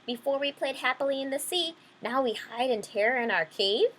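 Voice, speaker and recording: Small, brave peacemaker fish for a picture book, voiced by a woman: earnest, pleading, bright-eyed emphasis, highish and expressive. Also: moderate pace, husky, heavily acted. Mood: frustrated resolve.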